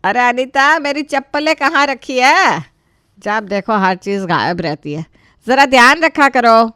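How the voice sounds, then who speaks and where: A woman's voice: mid-range voice, moderate pace, dry recording, studio quality, close to an everyday voice. A woman voicing an older mother-in-law who heads the family in a cartoon story. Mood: scolding. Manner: scolding, then proud. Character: stern older mother-in-law, head of house.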